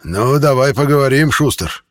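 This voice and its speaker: A man voicing a hoarse, sly, reclusive rancher who mocks and threatens his visitors. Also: medium pitch, normal speed, big-room sound, voice pushed up, close to an everyday voice. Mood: sly, threatening. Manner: mocking, drawling, menacing.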